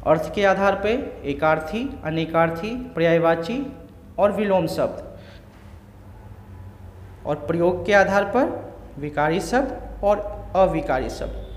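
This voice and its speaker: High-voiced male teacher in echoey room. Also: expressive. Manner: slow, repeats examples one word at a time. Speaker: school teacher. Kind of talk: grammar lesson. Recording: echoey room with long reverb.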